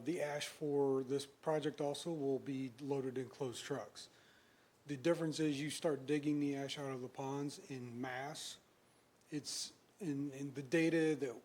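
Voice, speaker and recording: A man's voice: a little high, darkish tone. A man, a utility official, answering a city council's questions in a practical, matter-of-fact way. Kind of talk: explanatory answers.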